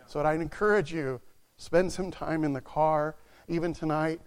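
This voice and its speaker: A man preaching a sermon to a church, swinging from quiet asides to loud exclamations. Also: fairly high pitch, fairly even intonation, normal speed.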